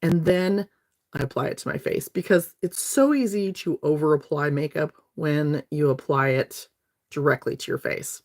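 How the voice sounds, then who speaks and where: A woman's voice: sits low, moderate pace, darkish tone. A woman. She chats casually with viewers on a makeup livestream and has a slight lingering cough. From North Alabama, USA. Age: 50s. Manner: chatty and friendly, talking straight to viewers. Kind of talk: casual livestream chat while doing makeup.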